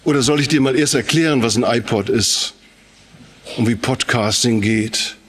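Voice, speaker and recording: His voice sits at medium pitch with a moderate pace and a slightly bright quality. A man from Sauerland whose first language is German, he preaches a sermon-style public address, leaning on rhetorical emphasis, repetition and questions.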